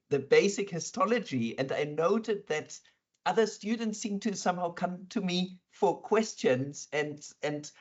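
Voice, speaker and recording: A middle-aged man from Berlin, talking thoughtfully and enthusiastically in an interview, with many fillers. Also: fairly high pitch. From Germany, East Berlin. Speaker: interviewed scientist. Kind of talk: conversational interview. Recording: dull lo-fi sound.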